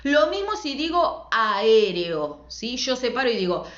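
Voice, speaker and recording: A secondary school language teacher with an Argentine Spanish accent explains spelling rules in a patient, didactic way, checking in with rhetorical questions. Her voice is high, very animated and fairly bright, at a moderate pace. The room is echoey and the lo-fi sound is dull.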